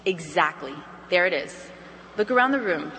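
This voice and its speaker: A woman giving an energetic sales training talk to a live audience, acting out phone calls in lively voices. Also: fairly low pitch, normal speed, big-room sound, a little hiss or hum. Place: large hall with an audience.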